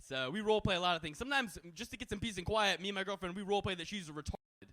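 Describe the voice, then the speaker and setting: Young male stand-up comic, high voice, brash crude crowd banter. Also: very fast, pushed and bright. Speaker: stand-up comedian. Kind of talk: stand-up comedy set.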